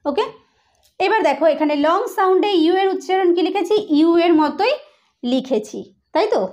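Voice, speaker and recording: A woman teaching a lesson on English pronunciation, explaining step by step and often asking if it is clear. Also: extremely high pitch, animated, normal speed, a little mellow.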